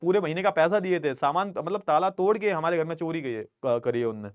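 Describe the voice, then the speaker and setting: A man's voice: a little high, expressive, a little fast, no echo, dull audio. A man teaching a casual live online class from a studio, who talks to his students in a friendly, chatty way and keeps checking that his audio comes through. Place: recording studio.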